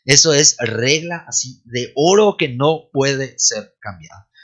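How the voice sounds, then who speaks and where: Man, bright voice, patient teacher, slow repeated examples. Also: medium pitch, lo-fi sound. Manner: explains patiently, repeats example phrases slowly. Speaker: English teacher. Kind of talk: online lesson explanation.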